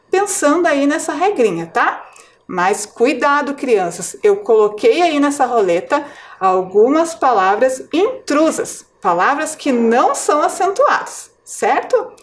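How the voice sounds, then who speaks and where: Her voice sits high as this Brazilian Portuguese–accented primary teacher leads a children's lesson on TV. She explains each word slowly and clearly by syllable and asks questions to check in.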